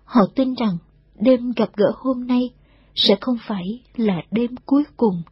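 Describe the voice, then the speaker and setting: Audiobook narrator: woman, steady storytelling, breathy and husky, dry muffled recording. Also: fairly high pitch, a little slow, no room sound. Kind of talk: audiobook reading of a war novel.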